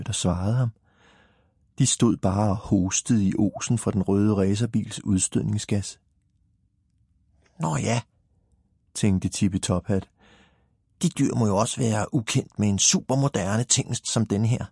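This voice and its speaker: A man calmly narrating a children's story in a measured reading. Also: lowish voice, slightly rough, dry recording, studio quality.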